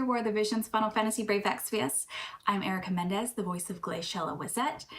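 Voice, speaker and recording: A woman's voice: on the low side, fairly bright tone, far from the mic. A woman, a voice actress, giving a casual, enthusiastic recorded message to fans.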